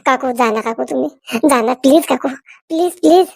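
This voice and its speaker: A woman voicing an anxious young cartoon wife who pleads in a hushed voice. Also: sits high, normal speed, gravelly. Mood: pleading.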